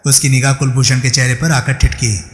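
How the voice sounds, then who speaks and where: Brief: male audiobook narrator for a crime novel, steady telling, reverberant room. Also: medium pitch, brisk. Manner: steady storytelling. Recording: echoey room with long reverb.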